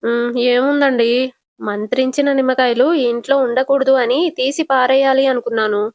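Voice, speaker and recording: A fretful middle-aged mother, caught red-handed, frets in a slightly high, dry voice, as a woman puts her on while retelling a soap. Her words come slow and pleading, full of worry. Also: fairly even intonation, no room sound.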